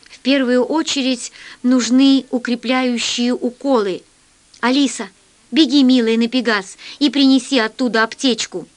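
A woman voicing a calm, caring male professor who speaks quietly and gravely. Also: fairly high pitch, measured pace, natural voice.

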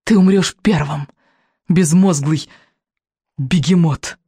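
A man's voice: a little high, takes it slowly, creaky, warm tone, breathy edge, no room sound, studio quality, heavily acted. A man voicing a treacherous one-eyed villain king in an audiobook, with a sugary, gloating, mocking way of speaking. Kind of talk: audiobook character voice.

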